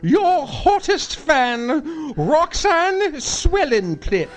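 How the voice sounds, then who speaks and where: A man doing a breathy British lady in falsetto. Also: very animated, very slow, faint music behind, full character voice. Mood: sultry. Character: flirty British woman letter writer.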